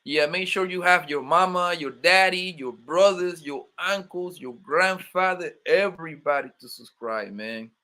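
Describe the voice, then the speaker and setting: A young man with a New York accent hosts a casual livestream, joking loosely and calling out chat viewers by name. Born in Colombia and raised in Brooklyn, he speaks in a high-pitched, sharp voice at a measured pace, with hardly any pauses.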